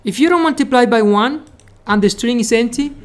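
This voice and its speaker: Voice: mid-range voice, brisk. Caribbean-Spanish-accented coding teacher. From Latin America, Caribbean. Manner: repeats 'remember' and 'okay', explains step by step, coaxes students. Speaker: programming instructor. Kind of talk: live coding class with students.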